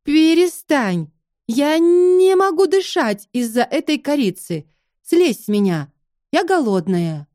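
A woman's voice: sits high, big pitch swings, slow, warm tone, no room sound, clean studio sound, full character voice. A woman voicing a feisty, exasperated young heroine in an audiobook, protesting indignantly. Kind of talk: audiobook first-person dialogue.

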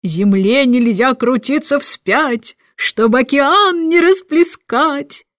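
A woman's voice: a little high, unhurried, no echo, clean studio sound, close to an everyday voice. A woman voicing a carefree, cheerful king who answers easily and sings little verses. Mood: singing.

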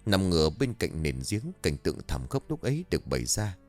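A man narrating a dramatic story in an expressive, animated manner. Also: low voice, fairly quick, soft background music.

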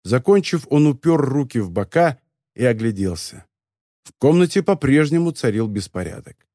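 A man narrating a novel as an audiobook, in lively, expressive storytelling. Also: medium pitch, moderate pace, dry recording, studio quality. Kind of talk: scripted narration.

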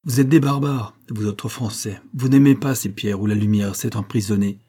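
Man reading a jovial stage singer, husky low voice, expansive, commanding, dark tone. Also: fairly even intonation, moderate pace. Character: jovial theatrical male opera singer friend.

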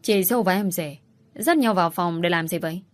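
A woman's voice: fairly low pitch, brisk, lightly acted. A woman reading an audiobook voices a scheming older woman who makes insinuations and then feigns innocence. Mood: sly insinuating.

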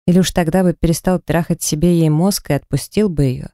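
A man's voice: fairly high pitch, steady tone, brisk, mellow, smooth, no echo, studio quality, natural voice. A man voicing a blunt male best friend who scolds frankly. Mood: scolding.

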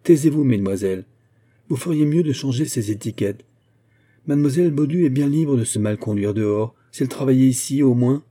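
A man's voice: mid-range voice, brisk, warm tone, voice pushed up, close to an everyday voice. A man voicing a stern middle-aged woman head of department in a storybook, curt and commanding.

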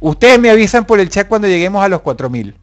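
A young man hosts a live stream in a high, bright voice. He reads out his viewers' comments and answers them with profane, mock-angry jokes. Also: sing-song, quick pace, highs cut off. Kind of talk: casual live chat.

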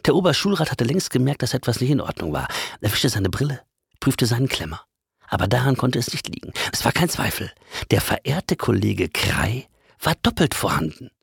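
Gravelly, lively male storyteller. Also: mid-range voice, normal speed, no room sound, clean studio sound. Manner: expressive, shifts between loud and whispered. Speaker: audiobook narrator. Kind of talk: dramatic audiobook reading.

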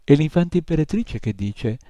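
A man's voice: a little high, lively intonation, moderate pace, mellow, no room sound, pitched above the performer's own voice, natural voice. A man voicing a small, whiny, fretful male imp, with a whimpering, stammering tone.

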